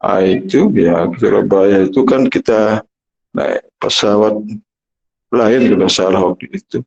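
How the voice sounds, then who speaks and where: A man giving an unhurried sermon as a spiritual teacher, often pausing and restarting his phrases. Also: lowish voice, darkish tone, lo-fi sound. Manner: unhurried, halting, many restarts and fillers.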